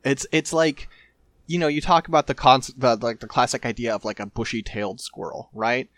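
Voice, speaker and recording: A man's voice: mid-range voice, fairly even intonation, moderate pace, a bit bright, no room sound. Male podcast co-host, dry wry quips, close mic with no room sound. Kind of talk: casual podcast chat.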